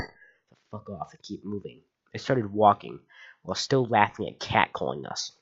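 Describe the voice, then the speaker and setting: A man's voice: low voice, fairly bright tone, slightly rough, lo-fi sound. A man hosting a channel, reading online posts aloud and breaking in with sarcastic asides. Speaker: channel host.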